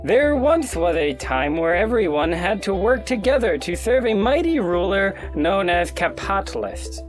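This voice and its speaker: A man's voice: high voice, sing-song, a little slow, soft background music, pitched above the performer's own voice. A man voicing a male robot faking being human, giving a cheery, stilted museum-guide welcome. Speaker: podcast co-host.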